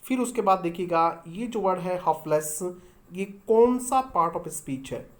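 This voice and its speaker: A woman's voice: lowish voice, animated, slow. A woman teaching an online English lesson, explaining step by step and answering her own questions for her students. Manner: addresses viewers as students.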